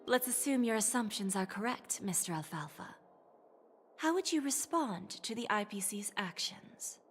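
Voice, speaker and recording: A woman voicing a poised, courteous corporate negotiator in a video game, composed, polite and measured. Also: medium pitch, lively intonation, slight background noise, lightly acted. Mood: cool, composed. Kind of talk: video game story acting. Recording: long reverb, music behind.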